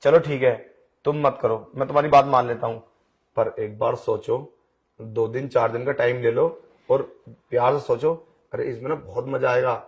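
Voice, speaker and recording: A pushy blind young man in a Hindi audio drama, played by a man, wheedling and coaxing without letting up. His voice sits at an ordinary middle pitch. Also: steady tone, normal speed, muffled recording, lightly acted. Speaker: voice actor.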